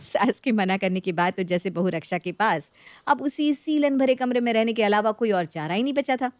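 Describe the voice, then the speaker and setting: A woman narrating a story in a calm, matter-of-fact way. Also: mid-range voice, moderate pace, no room sound.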